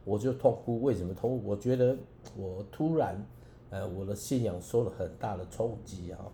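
A man, a preacher and songwriter giving an earnest, halting personal testimony as a radio guest, with many restarts. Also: on the low side, warm tone, echoey room, a little hiss or hum.

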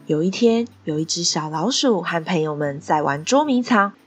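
A woman narrating a bedtime story for children in a gentle, soft, expressive way. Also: lowish voice, normal speed, husky, soft background music. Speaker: podcast storyteller.

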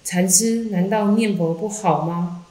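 Earnest pious layman, raised pitch, roomy echo; woman reads him. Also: measured pace, mellow, natural voice. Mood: startled. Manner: earnest, a bit impatient. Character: devout middle-aged male lay Buddhist, earnest. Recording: echoey room.

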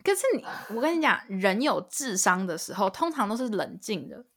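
A woman's voice: mid-range voice, very animated, a little fast. A young woman, co-hosting a casual podcast chat and venting in an exasperated, ranting way. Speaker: podcast co-host.

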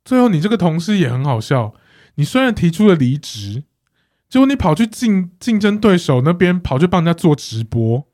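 A man, co-hosting a casual chat and telling a story in an animated way, laughing often. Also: sits high, brisk. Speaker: podcast co-host.

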